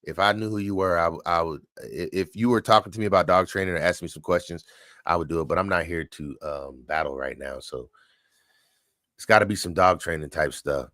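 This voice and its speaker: A man hosting a casual livestream, chatting and answering viewers' dog training questions, relaxed and repeating his points. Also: low voice, fairly quick, dry recording, studio quality.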